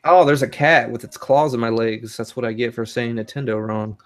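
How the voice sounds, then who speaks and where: Man, podcast co-host, casual gaming chat, profane, laughs a lot, average pitch. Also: fairly quick. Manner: profane, joking, laughs often.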